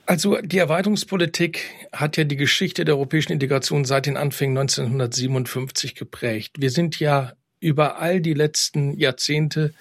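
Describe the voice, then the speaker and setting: A man's voice: a little high, steady tone, fairly quick, hardly any pauses, no room sound, studio quality. A man speaking as a politician guest in a radio interview, answering in fluent, assured, speech-like sentences.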